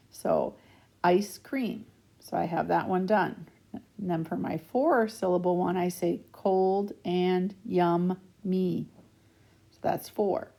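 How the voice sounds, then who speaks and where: Warm, gravelly-voiced woman teacher. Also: on the low side. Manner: patient, checks in with frequent "okay?". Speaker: elementary school teacher. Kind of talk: recorded remote lesson over slides.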